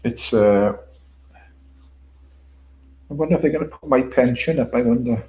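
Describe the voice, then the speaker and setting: An older man hosts a casual solo livestream in a mid-range voice at normal speed, with lo-fi sound. He rambles, repeats himself, swears offhandedly, and chuckles along with his viewers.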